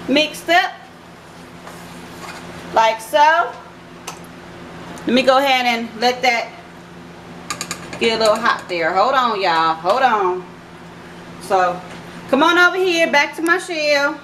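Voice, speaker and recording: A woman with a high, animated voice and a fairly bright tone hosts a casual cooking vlog from her home kitchen, calling her viewers "y'all" and "baby." She takes her time and pauses often. The echoey kitchen recording has background noise.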